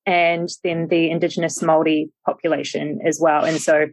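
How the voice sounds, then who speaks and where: A young woman with a New Zealand accent, a startup founder appearing as a podcast guest, talks thoughtfully in a casual interview with lots of ums and restarts. Her voice sits low and her tone is level, at a normal speed, and the recording is rough.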